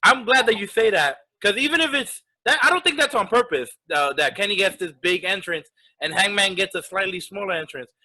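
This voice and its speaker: A man co-hosts a wrestling chat show. His voice is high and bright, with an edge to it. He interjects often and pushes back in a casual, back-and-forth way. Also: lively intonation, low-quality recording. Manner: quick to interject and push back. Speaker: wrestling podcast co-host.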